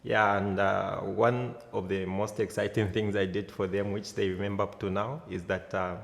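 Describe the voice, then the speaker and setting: A man's voice: fairly low pitch, level tone, moderate pace, creaky. A young man from Zambia, an exchange student, answers interview questions hesitantly, with many fillers. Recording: hall reverb.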